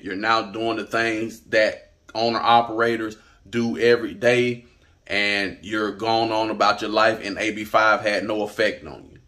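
A man's voice: medium pitch, fairly bright tone. A man hosting a trucking advice vlog, talking straight to camera in a blunt, emphatic way and repeating his points. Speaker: trucking channel host.

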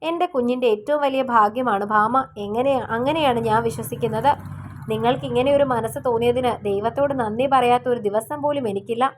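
Brief: tearful, grateful mother in an audiobook romance, voiced by a woman narrator, voice a touch high. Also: a little fast, a little hiss or hum, lightly acted.

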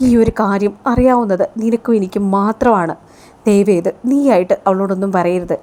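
A woman's voice: medium pitch, normal speed, dark tone, lightly acted. A woman doing a blunt, mocking male friend. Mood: taunting.

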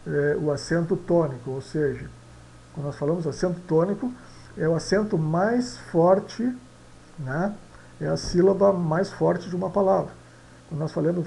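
A man's voice: on the high side, gravelly, warm tone, a little hiss or hum, rough recording. A man teaching a language lesson on pronunciation rules, often checking in with "tá?" and "né?". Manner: frequent "tá?" and "né?" checks.

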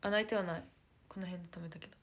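A woman's voice: fairly low pitch, fairly even intonation, racing, slight background noise. Young woman rambling on a phone stream. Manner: rambling, searching for words, drops into whispered asides. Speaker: idol live streamer. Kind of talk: casual live-stream chat.

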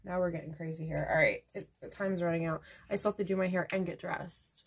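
A woman's voice: fairly low pitch, fairly even intonation, fairly quick, creaky, slight background noise. A woman beauty vlogger chatting casually at home while doing her makeup, rambling into asides. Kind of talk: casual get-ready-with-me chat.

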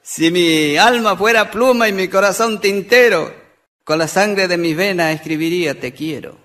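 High-voiced folk comedian. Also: male voice, fairly bright tone, a little hiss or hum. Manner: quick joke-telling with voiced characters, laughing at own punchlines. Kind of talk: live stand-up jokes between songs. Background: music.

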